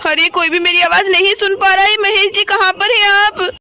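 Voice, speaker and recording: A woman's voice: extremely high pitch, flat delivery, normal speed, pushed and bright, soft background music, heavily acted. A woman voicing a sick mother in a doll story, fretting anxiously and asking over and over what to do. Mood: worried. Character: sick, tied-up mother, fretful and panicky.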